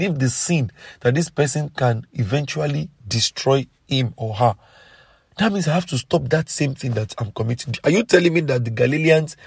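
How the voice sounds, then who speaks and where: A man preaching a podcast sermon, earnest and exhorting, slowing down to press key points. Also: medium pitch, gravelly, a little mellow, slightly rough, no room sound. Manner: earnest, exhorting, slows for emphasis.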